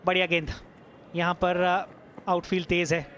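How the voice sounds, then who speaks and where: A man's voice: high-pitched, level tone, unhurried, lo-fi sound. A man with an Indian accent giving analytical, explanatory live cricket commentary. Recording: noisy outdoor ground behind commentary. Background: clear outdoor noise.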